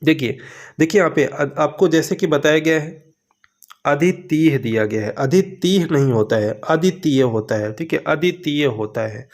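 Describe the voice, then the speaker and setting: A man teaching an exam preparation lesson, walking through questions with steady, repetitive coaching and frequent check-ins. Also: fairly high pitch, moderate pace.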